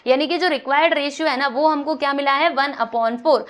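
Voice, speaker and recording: A woman teaching a maths lesson, coaxing the class with questions she answers herself, slowing down to read the English problem text aloud. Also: high-pitched, steady tone.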